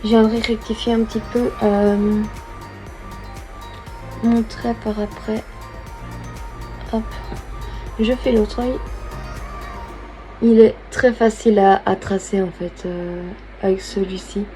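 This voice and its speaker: A woman's voice: mid-range voice, steady tone, slow, pauses often, warm tone, faint music behind, rough recording. A young woman, chatting casually through a makeup tutorial and thinking aloud as she works. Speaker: beauty vlogger.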